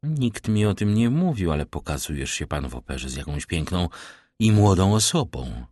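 A man's voice: deep voice, very animated, normal speed, a little mellow, no room sound, studio quality. A man voicing an anxious aristocratic countess who keeps probing with questions. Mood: pressing. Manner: pressing, questioning.

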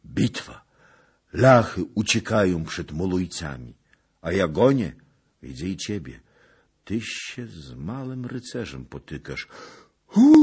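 A man's voice: breathy edge, exaggerated voice. A man voicing a wild, wailing woman witch who chants and shrieks over a mill wheel. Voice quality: shrill, wailing incantations. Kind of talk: audiobook character voice.

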